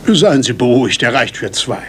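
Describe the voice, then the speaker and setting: An actor playing a pompous, blustering, harried police inspector in an audio drama. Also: male voice, mid-range voice, sing-song, fairly quick, fairly bright tone, a little hiss or hum. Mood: pompous, coaxing. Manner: pompous, blustering, hesitant when asking. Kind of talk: German audio drama acting.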